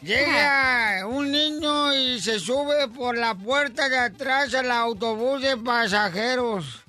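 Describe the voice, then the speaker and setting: A man hosting a comedy radio show, telling jokes with loud, teasing banter. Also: extremely high pitch, slow, faint music behind. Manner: loud, teasing, shouts punchlines.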